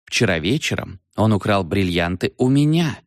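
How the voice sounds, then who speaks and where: A man voicing a determined, impatient young woman in an audiobook reading, speaking brisk and insistent. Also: on the low side, expressive, no room sound, clean studio sound, close to an everyday voice. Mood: patient explaining.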